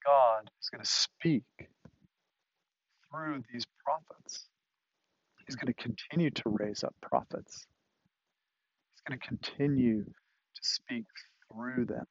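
Male pastor, mid-pitched voice, loose conversational preaching with repeated phrases, dry close sound. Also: takes it slowly, long pauses, breathy edge, no echo, muffled recording. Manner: conversational preaching with fillers and emphatic repetition. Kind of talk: sermon.

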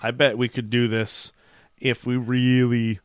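An easygoing man co-hosts a relaxed podcast and chimes in often with short agreement. His voice sits in a middle range. The sound is dry and close to the mic. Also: mid-range voice, clear, resonant tone, no room sound. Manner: easygoing, quick agreeing interjections. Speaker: podcast co-host. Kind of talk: casual chat.

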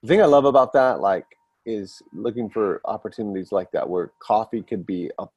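A man hosting a faith-based podcast interview, affirming his guest and speaking in halting restarts. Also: fairly low pitch, darkish tone, husky, no room sound, highs cut off. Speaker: podcast host. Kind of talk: casual interview chat.

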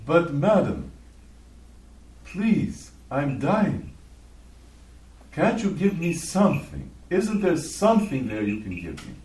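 A man's voice: a little high, very animated, takes it slowly, long pauses, a little mellow, pitched above the performer's own voice. A man voicing a starving, ragged beggar who pleads humbly for food. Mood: pleading. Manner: pleading, plaintive. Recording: echoey church from far off.

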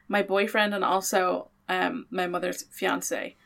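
A woman's voice: fairly low pitch, flat delivery, creaky, fairly bright tone. A woman co-hosting a podcast, chatting casually and teasing her older sister. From Ireland. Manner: chatty, teasing, quick to laugh. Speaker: podcast co-host. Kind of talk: casual chat. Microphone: headphones, studio mic.

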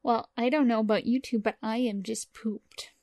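Woman playing a cheerful, higher-voiced small-town lady. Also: fairly even intonation, normal speed, darkish tone, natural voice. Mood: polite, cheerful. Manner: folksy, chirpy politeness. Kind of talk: radio comedy drama acting.

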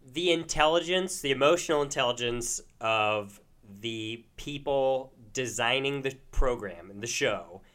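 Bright-voiced guy on a podcast, gushing and enthusiastic, laughs a lot. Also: medium pitch. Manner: enthusiastic, effusive, laughs often. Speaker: podcast co-host. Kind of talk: casual chat.

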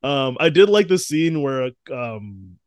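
A man co-hosting a podcast in casual chat, animated and laughing often. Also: mid-range voice, slow, smooth, no room sound, dull audio. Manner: animated, laughing, mimics characters in quotes. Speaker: podcast co-host.

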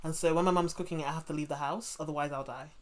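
Woman host, lowish voice, animated anecdotes full of fillers, relaxed chat. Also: racing. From London. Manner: animated storytelling, many fillers, quotes people. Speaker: podcast host. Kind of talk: casual interview chat.

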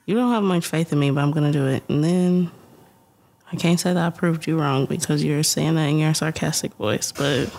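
A woman's voice: deep voice, fairly quick, a little mellow. A young adult woman co-hosting a podcast in casual, teasing chat, laughing often. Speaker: podcast co-host.

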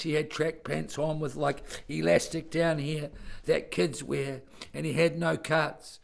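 An older man tells children a story from his own family. His worn-out voice is gravelly and sits a little high for a man. He talks plainly and earnestly, backing up to correct himself as he goes. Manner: plain-spoken, earnest, rambling with self-corrections. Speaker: storyteller visiting a school class. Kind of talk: personal story told to children.

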